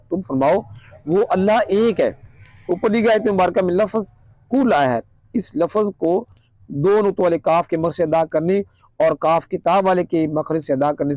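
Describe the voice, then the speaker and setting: A man with a Pakistani Urdu accent teaches a religious lesson, speaking in an earnest, explanatory way. His voice sits fairly high. He slows right down to recite Arabic lines, and the recording is dry and close. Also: darkish tone, no room sound. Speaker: Quran teacher.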